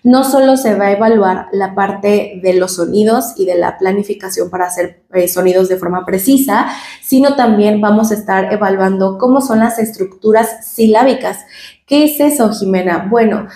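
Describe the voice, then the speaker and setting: A woman's voice: medium pitch, normal speed, dark tone, reverberant. A woman speech therapist with a Mexican Spanish accent, giving a patient, explanatory lesson to the camera and demonstrating sounds as she goes.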